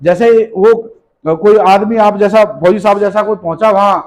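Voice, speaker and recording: Guy with a high voice doing a pushy motivational seminar talk, keeps asking the crowd questions. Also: steady tone, moderate pace, rough recording. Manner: rhetorical questions to the audience, call-and-response; emphatic, scolding, repeats key phrases. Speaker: motivational business speaker. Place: seminar hall with a live audience.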